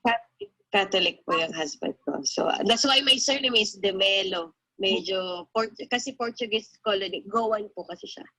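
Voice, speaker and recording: A woman's voice: medium pitch, moderate pace, bright, forceful tone, poor audio. A woman from the Philippines with a Filipino accent, a student talking politely and casually, mixing English and Tagalog. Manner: polite and deferential, uses respectful particles. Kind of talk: casual Taglish chat.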